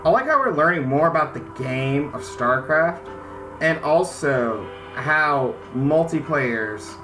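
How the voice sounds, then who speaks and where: A gaming video host does casual let's-play commentary, reading game text aloud and reacting informally as he goes. His voice is on the high side with lively intonation, and he takes it slowly, with music under the voice.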